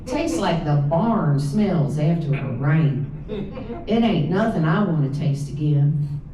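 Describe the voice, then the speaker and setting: A woman with a Southern US accent reads her own folksy, drawling first-person stories live in an indoor event room, her low voice animated and slow. The recording is echoey and distant, with crowd noise and faint background noise.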